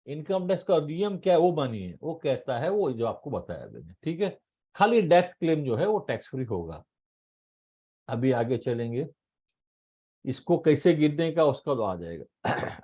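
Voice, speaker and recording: Speaking slowly and with emphasis, a middle-aged insurance trainer with an Indian accent delivers a tax law training session. His voice is a little high with a dark tone, and he keeps repeating key points while blending Hindi and English.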